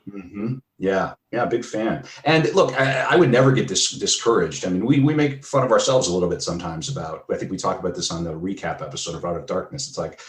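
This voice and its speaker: A man guesting on a podcast, chatting casually and breaking into laughter as he tells stories. His voice sits fairly low and rings in a roomy, echoing space. He keeps an easygoing, animated flow. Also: quick pace, few pauses. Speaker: guest playwright. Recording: roomy echo.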